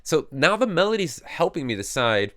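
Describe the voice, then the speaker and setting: A man's voice: fairly high pitch, moderate pace. A man who is a music producer, talking casually through his process as he works. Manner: relaxed, explains as he works. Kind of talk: casual tutorial talk.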